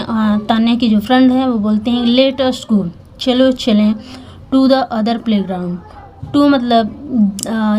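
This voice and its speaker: A woman teaching English through a story, explaining slowly and patiently word by word with many pauses and fillers. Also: on the high side, darkish tone, slight background noise. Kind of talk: Hindi-language English lesson reading a story.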